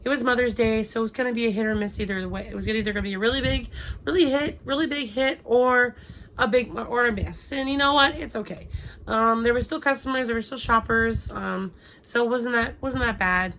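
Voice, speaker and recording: A young woman with a cold chats loosely to camera for her crochet vlog, her speech peppered with ums and restarts. She speaks fairly quickly in a slightly high, fairly bright voice over a faint hiss or hum.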